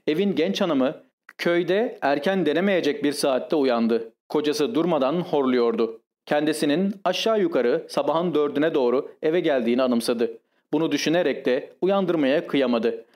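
Calm male audiobook narrator. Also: fairly high pitch, normal speed. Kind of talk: scripted narration.

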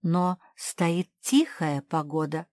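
A woman's voice: fairly low pitch, a little mellow, no room sound, clean studio sound. A woman doing a doubtful, muttering pug sister. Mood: skeptical. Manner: skeptical muttering, slow.

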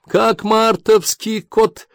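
A shrill, scolding wife in her forties, put on by a male reader, her voice pushed far up and loud. The audiobook recording is dry and close. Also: fairly even intonation, slow pace, vocal fry, no echo, heavily acted. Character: shrill furious middle-aged wife.

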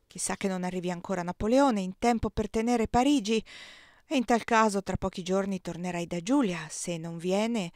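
A woman's voice: medium pitch, moderate pace, darkish tone, no echo, clean studio sound, lightly acted. A woman voicing a portly older man who is anxious and dejected, in an audiobook reading. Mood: resigned.

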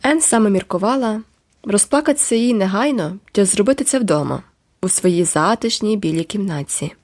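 A woman's voice: medium pitch, animated, brisk, a little mellow, no room sound, studio quality. Woman narrating a classic novel. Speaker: audiobook narrator. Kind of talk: scripted literary narration.

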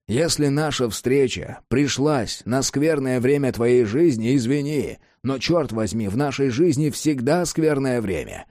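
A man voicing a hot-tempered gang leader who shouts and curses. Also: mid-range voice, no room sound, clean studio sound. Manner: shouting, cursing.

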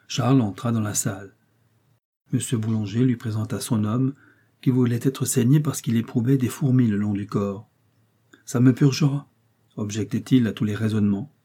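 A male reader narrates a classic novel at a steady, measured pace. His voice is mellow and dark, with a husky grain to it. The delivery is that of an audiobook reading. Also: fairly low pitch.

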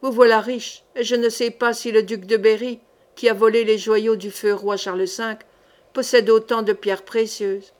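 A woman reading a gruff, blustering middle-aged male captain in an audiobook, grumbling and swearing. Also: fairly high pitch, level tone, normal speed, a little mellow, lightly acted.

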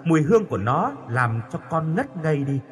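A man's voice: on the high side, very animated, fairly quick. A man voicing a tender ghost daughter. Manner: soft, pleading. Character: young dead daughter, tender spirit.

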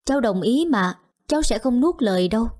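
A woman's voice: on the high side, lively intonation, brisk, a little mellow. A woman voicing a poor young village girl, timid but determined, speaking in a pleading, hesitant way in an audio story.

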